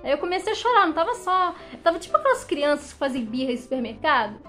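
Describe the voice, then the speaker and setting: A young woman telling a dramatic personal story in a casual, animated way. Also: high-pitched, fast, faint music behind. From Brazil. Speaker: vlogger.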